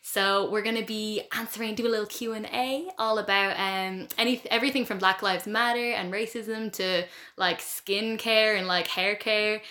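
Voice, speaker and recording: Bright-voiced young woman hosting a podcast. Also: medium pitch, fairly even intonation, normal speed, few pauses. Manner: chatty, many ums and likes. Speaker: podcast host. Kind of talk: casual interview chat. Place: student radio studio.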